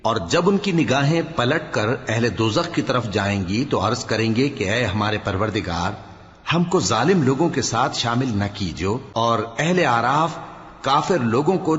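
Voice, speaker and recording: A man's voice: a bit bright, a little hiss or hum. Solemn man reading scripture in a reverberant hall. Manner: measured, solemn, falls low at verse ends. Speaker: scripture reader. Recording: reverberant, dull lo-fi hall recording.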